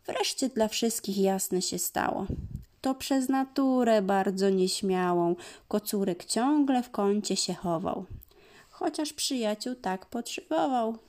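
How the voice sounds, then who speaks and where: A woman reading children's rhymes aloud in an expressive, sing-song way, sometimes dropping to a whisper. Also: a little high, slow. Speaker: storyteller.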